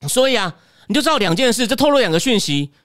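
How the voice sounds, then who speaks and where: A man's voice: very high voice, lively intonation, quick pace, a bit bright, dry recording, clean studio sound. A man with a Taiwanese Mandarin accent hosting a solo political commentary show, opinionated and firing rhetorical questions at the viewer.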